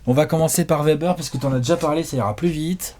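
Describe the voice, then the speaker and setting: A man's voice: on the high side, quick pace, a crowd in the background. Emphatic man arguing in casual debate. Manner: animated, emphatic, argues his point. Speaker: co-host ranking players.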